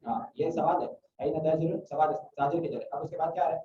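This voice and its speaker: A man's voice: fairly high pitch, little pitch movement, fast talker, crowd noise. A man teaching an Arabic grammar class, quizzing students and often checking "theek hai?". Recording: roomy, muffled classroom audio from a distant mic.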